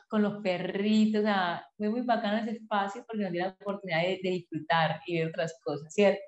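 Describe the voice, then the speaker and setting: A woman, a podcast guest telling her personal story in an animated way, acting out her past self in quotes. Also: medium pitch. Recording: echoey room, dull lo-fi sound.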